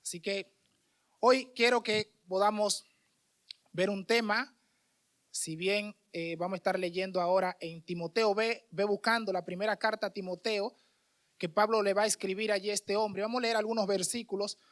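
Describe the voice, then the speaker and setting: Dominican guy preaching, high voice, chatty with restarts and ums. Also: fairly bright tone. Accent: Dominican Spanish. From Dominican Republic. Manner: conversational, many restarts and fillers. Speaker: missionary preacher. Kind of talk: sermon.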